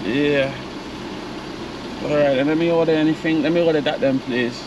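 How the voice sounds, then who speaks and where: A young British man's voice, on the high side, comes through dull audio with fairly even intonation at a moderate pace. He's a prankster vlogger chatting casually and slangily in a car at drive-throughs, against engine noise and outdoor hum.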